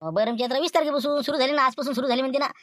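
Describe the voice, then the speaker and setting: A woman's voice: sits high, fairly bright tone, no echo, studio quality. A woman with a Varhadi Marathi accent playing an anxious accomplice who keeps warning against the plan. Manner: anxious, cautioning, very rapid. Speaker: worried accomplice in a comedy skit.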